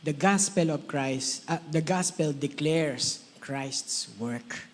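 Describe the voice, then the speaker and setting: A man preaching a sermon in a relaxed, conversational way, now and then acting out the voices of the people he quotes. His voice sits fairly high. The room gives it a long, ringing reverb. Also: slow. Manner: conversational, mixes English phrases, acts out quoted voices. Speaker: pastor.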